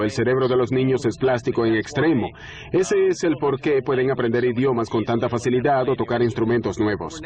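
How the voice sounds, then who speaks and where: A man's voice: medium pitch, natural voice. A man voicing a male scientist explaining things in a dubbed documentary interview, with murmur behind. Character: male brain scientist explaining memory and plasticity.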